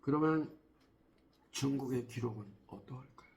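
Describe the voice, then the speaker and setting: A man giving a spoken history lecture in a measured way, often pausing on drawn-out fillers and asking the listeners rhetorical questions. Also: medium pitch, darkish tone.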